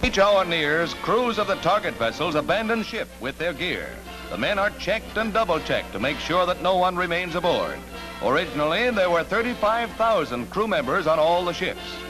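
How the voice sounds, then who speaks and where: Male 1940s newsreel announcer, emphatic and animated, old newsreel soundtrack over loud music. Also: high voice, moderate pace, poor audio. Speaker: newsreel narrator.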